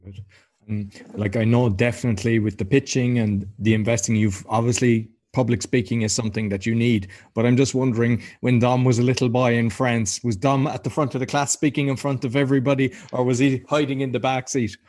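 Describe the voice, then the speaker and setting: A man hosting a podcast, asking casual, halting questions. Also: mid-range voice, fairly even intonation, darkish tone. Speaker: podcast host. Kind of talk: podcast interview.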